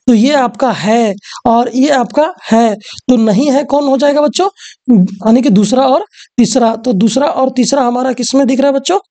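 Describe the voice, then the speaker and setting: Woman tutor, kinda high but mellow voice, keeps asking students questions back. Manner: repeats rhetorical questions to students. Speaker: teacher. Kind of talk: exam question walkthrough.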